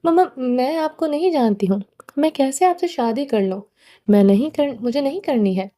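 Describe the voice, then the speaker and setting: A woman's voice: sits high, lively intonation, mellow. A woman reading the part of a frightened, tearful young woman in a storybook, pleading and timid.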